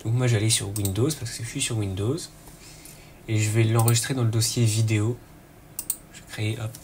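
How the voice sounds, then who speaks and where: A man hosting a casual screen-recorded tech tutorial, relaxed and chatty, often pausing with fillers and a quick "hop" as he clicks. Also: lowish voice, slight background noise.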